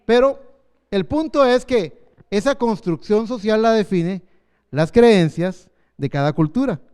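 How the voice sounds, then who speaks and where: A man in his fifties preaching a sermon as pastor, earnest, slowing down for emphasis. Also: high voice, lively intonation, darkish tone, smooth. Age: 50s.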